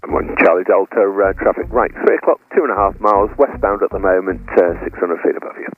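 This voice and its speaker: A man's voice: low-pitched, fast, phone-quality sound, soft background music. A man speaking as an air traffic controller over the radio, giving traffic instructions. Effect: aircraft radio transmission.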